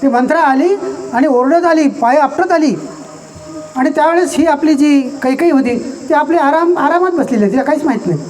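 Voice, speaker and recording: A man's voice: extremely high pitch, a little mellow. A man telling a devotional epic story in a conversational, explaining way, with asides to the listeners. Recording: distant mic, faint noise.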